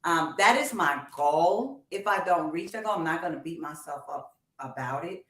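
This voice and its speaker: On an informal livestream about music, a co-host in her fifties speaks directly to viewers, animated and encouraging. Her low voice is a bit bright and moves at a moderate pace, recorded with an echoey, roomy quality.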